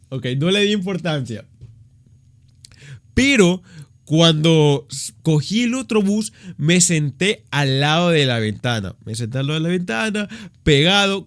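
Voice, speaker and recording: Ecuadorian guy in his 20s, swearing a lot, tells stories all animated, bit high voice, dry close mic. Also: no room sound. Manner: slangy, profane, animated retelling. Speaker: vlogger. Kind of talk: casual storytelling vlog.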